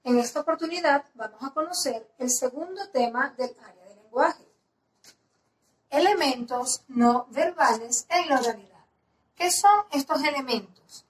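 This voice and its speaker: A woman's voice: sits high, measured pace, rough recording. A woman from Venezuela with a Venezuelan Spanish accent, a third-grade teacher giving a recorded lesson to children, explaining patiently with spoken examples.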